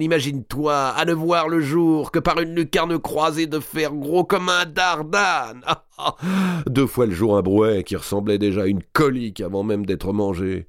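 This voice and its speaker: A man's voice: dry recording, studio quality. A man reading aloud, voicing a huge boisterous nobleman who bellows and mocks. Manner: booming, bellowing, sarcastic laughs.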